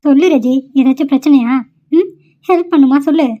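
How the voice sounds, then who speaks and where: In a homemade cartoon, a woman gives voice to kindhearted young college women pleading with and cajoling a friend. Her high voice moves briskly and stays close to how she'd normally speak, though the audio is lo-fi.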